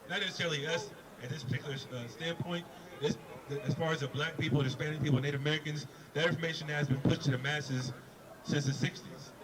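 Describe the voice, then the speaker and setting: A man's voice: fairly high pitch, rough recording. A man preaching on a city street, questioning a passerby in an emphatic debate and repeating words as he drives his point home. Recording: busy street crowd behind.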